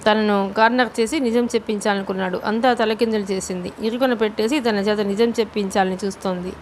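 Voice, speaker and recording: A woman narrating a novel as an audiobook reader, in a steady storytelling manner. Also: medium pitch, brisk, slight background noise. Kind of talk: novel reading.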